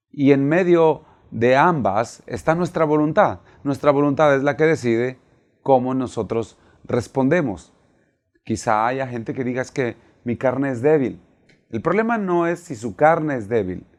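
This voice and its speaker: A man's voice: medium pitch, darkish tone. A man teaching a recorded Bible class, earnest and emphatic, repeating words when he presses a point.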